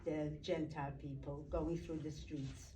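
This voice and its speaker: A woman, slowly recounting her memories in an interview, often pausing and restarting as she searches for words. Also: low voice, fairly even intonation. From Poland. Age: 80s. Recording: roomy, distant mic, noisy room.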